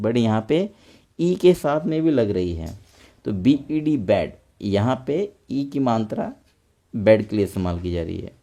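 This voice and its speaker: Guy teaching english sounds, mellow warm voice, spells words out letter by letter then says them slow, really patient. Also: mid-range voice. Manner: patient, repetitive explaining, addresses viewers as friends. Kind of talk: explanatory online lesson.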